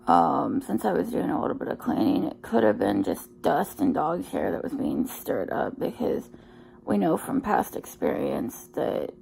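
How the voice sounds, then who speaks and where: A woman's voice: low-pitched, huge pitch swings, normal speed, gravelly, hardly any pauses, darkish tone, poor audio. A woman talking in a casual, rambling personal vlog, sounding weary and emotionally drained, hesitant and often trailing off. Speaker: vlogger sharing daily health updates.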